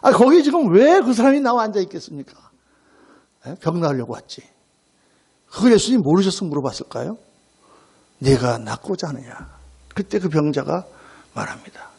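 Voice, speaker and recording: A man's voice: high voice, brisk, gravelly, long pauses, husky. A man preaching a Sunday sermon at a church service as pastor, telling stories vividly and asking rhetorical questions. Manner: animated storytelling with rhetorical questions.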